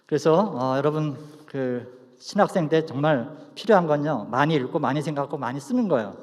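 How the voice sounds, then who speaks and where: A man's voice: a little high, lively intonation, a little fast. Male pastor in a reverberant chapel. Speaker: pastor, guest lecturer. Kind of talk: preaching and prayer to students. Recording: reverberant hall sound.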